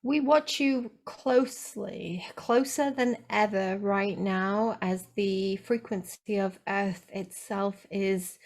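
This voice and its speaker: A serene ascended male spirit speaks through a woman channeling him in a slow, measured, tender cadence. The pitch sits in a plain middle register. He gently repeats his phrases as a channeled spiritual message. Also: steady tone. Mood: tender, solemn.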